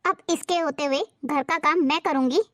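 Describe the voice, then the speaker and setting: A woman's voice: high voice, moderate pace, natural voice. A woman playing a harsh, superstitious middle-aged mother-in-law who scolds in a bossy way, in a homemade moral-story drama. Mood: contemptuous. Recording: music clearly behind the voice.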